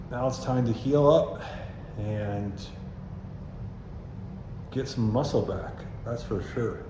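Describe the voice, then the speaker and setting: A man giving a casual, laid-back video diary to his viewers, talking stiffly with a sore jaw that restricts his mouth. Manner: laid-back, addresses viewers as guys with tags like okay and right. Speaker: vlogger. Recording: echoey, noisy self-shot recording with background rumble.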